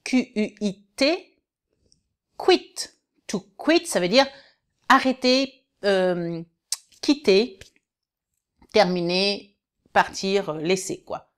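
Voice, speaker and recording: Woman teacher, very slow and careful delivery, patient repetition of words for learners. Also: medium pitch, expressive. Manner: patient, repeats words slowly and clearly for learners. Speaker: English teacher. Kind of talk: online language lesson.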